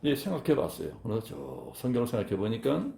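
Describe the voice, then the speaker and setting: A man's voice: medium pitch, big pitch swings, fast talker, creaky, dark tone, echoey room. A male pastor preaching a sermon, talking conversationally to the congregation and acting out quoted lines with a raised voice. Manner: conversational, talks directly to the congregation.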